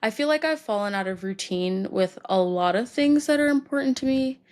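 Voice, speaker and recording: A young woman hosting a solo podcast, talking about her feelings in a halting way with many fillers, tearful and crying at times. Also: a little high, lively intonation, a little mellow. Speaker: podcast host. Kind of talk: personal solo podcast talk.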